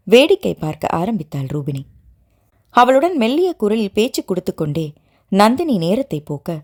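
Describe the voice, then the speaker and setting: A woman narrating a family novel in a steady storytelling reading. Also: medium pitch. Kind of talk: scripted narration.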